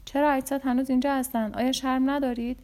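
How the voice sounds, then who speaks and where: Cold young sultan, imperious and measured, mellow low tone, as a woman narrator puts him on. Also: flat delivery, lightly acted. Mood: stern.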